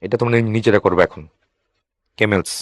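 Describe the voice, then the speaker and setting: A man teaching English for exams, asking his students quick questions and answering them himself. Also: lowish voice, steady tone, no echo. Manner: reads English sentences slowly, then explains. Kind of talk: exam-prep grammar lesson.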